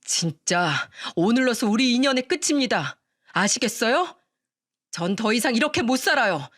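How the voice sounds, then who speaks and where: A woman's voice: fairly high pitch, lively intonation, normal speed, a bit bright. Woman playing an indignant angry husband. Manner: scolding, indignant. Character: angry grown son, the husband. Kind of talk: radio story reading.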